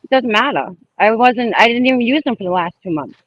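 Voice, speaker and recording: A man's voice: extremely high pitch, animated, fast, fairly bright tone, no room sound. A man giving short, easygoing replies in a casual crypto chat. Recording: dull lo-fi audio.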